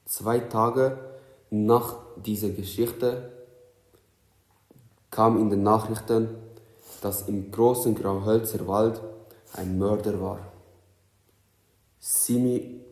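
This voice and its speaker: Young man reading a story, lowish voice. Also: steady tone, slow, pauses often, a little mellow. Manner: plain reading with slips and self-corrections. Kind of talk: reading a self-written story aloud. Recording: roomy echo.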